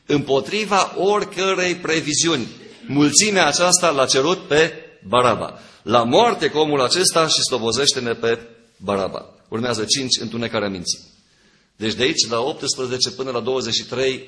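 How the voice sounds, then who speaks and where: A man preaching a sermon, walking through a Bible passage verse by verse and swinging from loud emphasis to low, quiet remarks.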